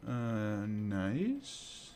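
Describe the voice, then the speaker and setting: A man's voice: on the low side, wildly swooping pitch, extremely slow, mellow, slight background noise. A man streaming live as a day trader, muttering and grumbling to himself with sarcastic asides as he trades. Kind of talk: live-stream commentary while trading.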